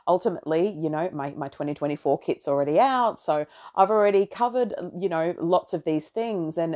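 A woman's voice: on the low side, darkish tone. A woman giving a casual, rambling, effusive spiritual monologue to her followers. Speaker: astrology podcaster and content creator. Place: bedroom, sitting on a bed.

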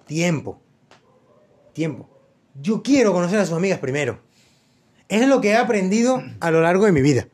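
A man's voice: high-pitched, expressive, normal speed, long pauses, a little mellow. A young Venezuelan man telling stories in a loose, slangy casual chat, full of fillers and repeats. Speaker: podcast co-host.

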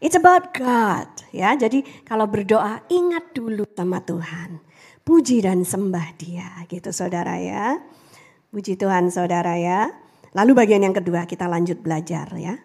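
A woman preaching a lively sermon, calling out to the congregation and dropping to a whisper on prayer lines. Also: mid-range voice, moderate pace, gravelly, breathy edge.

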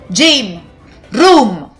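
A rough old sea captain, as a woman narrator puts him on, roaring loud and higher than her usual reading voice. He barks short, desperate orders, and faint music sits under the storybook reading. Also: sing-song, very slow, heavily acted. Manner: shouting hoarse commands. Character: old male pirate captain, violent and frightened.

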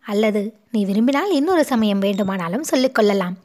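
A woman's voice: medium pitch, animated, brisk, lightly acted. A woman voicing a composed royal princess who speaks firmly but soothingly, in a storybook reading. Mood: calm. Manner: firm yet gently soothing. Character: composed royal princess, elder-sister manner.

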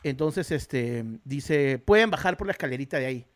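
Animated storytelling comedian. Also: male voice, mid-range voice, moderate pace. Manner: animated, acts out quotes, laughs often. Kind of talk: casual storytelling.

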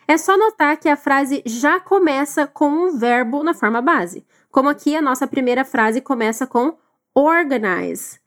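A woman teaching English, encouraging listeners and drilling phrases slowly for them to repeat. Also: sits high, expressive, a bit bright. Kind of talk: recorded language lesson.

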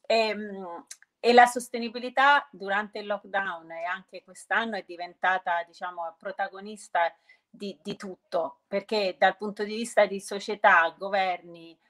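A woman's voice: mid-range voice, fairly even intonation, measured pace, a bit bright. Woman mixing English terms into her speech. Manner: hesitant, often restarting and rephrasing mid-sentence; mixes English business terms into Italian. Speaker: interview guest, sustainability entrepreneur. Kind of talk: conversational interview answers.

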